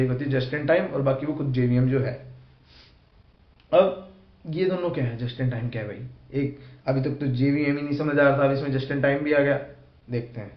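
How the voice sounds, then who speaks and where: A man teaching a programming lesson in an informal, chatty way, talking straight to his students. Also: medium pitch. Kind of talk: casual Hindi lecture mixing English terms. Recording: echoey room, dull lo-fi sound.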